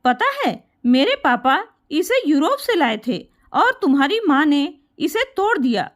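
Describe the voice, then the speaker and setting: A sharp, resentful young wife who nags and scolds in a very high voice, as a woman storyteller puts her on. Her pitch leaps about as she complains. It is a spoken story told by one reader. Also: sing-song, a little slow. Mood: angry scolding.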